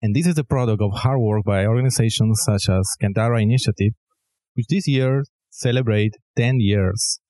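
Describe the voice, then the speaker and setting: A man hosting a podcast, formally introducing his guest in a measured delivery and then asking questions. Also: lowish voice, dark tone, no echo. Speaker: podcast host. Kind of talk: scripted introduction and interview.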